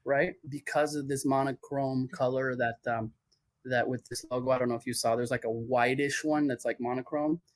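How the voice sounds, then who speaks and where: A podcast guest who does athlete branding work chats casually, full of fillers and loose phrasing. He has a medium-pitched, steady voice, speaks at a moderate pace, and there's no echo.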